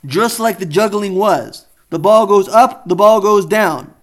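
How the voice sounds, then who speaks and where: A man's voice: high voice, a little slow. A man giving a spoken Torah lesson, earnest and telling stories with quoted dialogue. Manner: earnest, storytelling with acted quotes. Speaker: rabbi teacher.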